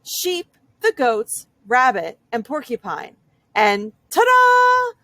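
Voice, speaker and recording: A woman's voice: high voice, huge pitch swings, takes it slowly, pushed and bright, dry recording, voice pushed up, heavily acted. A woman voicing a kindly, determined male moose in a storybook, courteous and sweetly insistent. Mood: earnest, cheerful.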